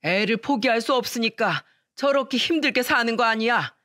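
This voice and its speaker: A woman voicing an elderly father-in-law who shouts rebukes at his daughter-in-law in a story radio reading. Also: on the high side, lively intonation, normal speed, no room sound, studio quality, voice pushed up. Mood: furious scolding. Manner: shouting rebukes, raised and strained. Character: stern elderly father-in-law, furious scolding man.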